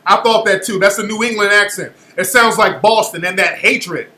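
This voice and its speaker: A male host with a high, bright voice fires back at a clip he is playing, incredulous and challenging. He is recorded in an echoey room. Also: normal speed. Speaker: show host. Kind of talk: commentary reacting to a played clip.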